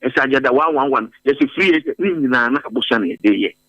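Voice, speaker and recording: A man's voice: medium pitch, animated, quick pace, a bit bright, no room sound, dull audio. A Ghanaian man giving emphatic commentary in a radio interview, repeating phrases for force. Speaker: interviewed policy analyst. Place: radio studio.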